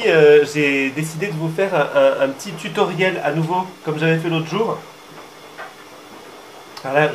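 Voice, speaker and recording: A man talks through a casual songwriting tutorial at home, halting often with filler sounds as he thinks aloud. His voice sits at an ordinary middle pitch. A faint hiss lies under the recording. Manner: hesitant, many filler sounds.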